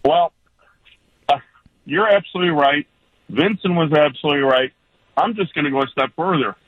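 A male caller heard over the phone, his voice high and husky through a dull, muffled line. He speaks emphatically and sounds indignant, pressing his point hard. The sound is dry and close. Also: moderate pace, no echo. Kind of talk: call-in radio talk.

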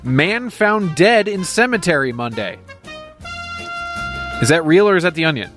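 A man's voice: on the high side, lively intonation, normal speed, music in the background. A man hosting a radio quiz, reading headlines in an upbeat, announcer-like game show style.

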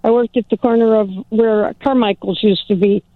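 Retired female caller in her 60s, gravelly, tinny phone line. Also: a little high, steady tone, normal speed, no echo. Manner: rambling, friendly.

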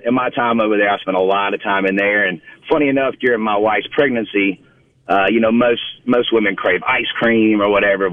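A man's voice: sits low, no echo. A man with a Mississippi accent talking casually as a chef being interviewed, in a folksy, rambling, conversational way. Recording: thin phone-like line, distant from mic.

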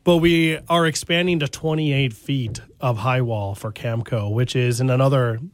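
A man's voice: mid-range voice, fairly even intonation, normal speed. A man, a retail store guest on a local radio show, talking casually and laughing easily at himself. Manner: chatty, laughs easily, self-deprecating. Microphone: studio mic.

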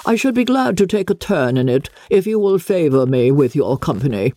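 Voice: medium pitch, sing-song, normal speed, mellow, dry recording, studio quality, natural voice. A reader voicing a haughty, imperious elderly aristocratic lady, speaking stiffly and commandingly in an audiobook. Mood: condescending. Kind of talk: audiobook character reading.

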